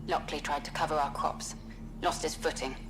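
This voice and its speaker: A woman's voice: low-pitched, steady tone, normal speed, lightly acted. A woman voicing a somber grieving colonist. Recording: game audio log with music behind.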